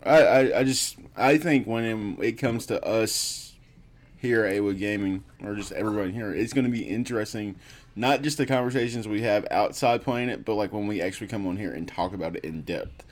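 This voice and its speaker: A man's voice: on the low side, a little fast. A man co-hosting a gaming podcast in casual chat, laughing often and rambling loosely. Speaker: podcast co-host.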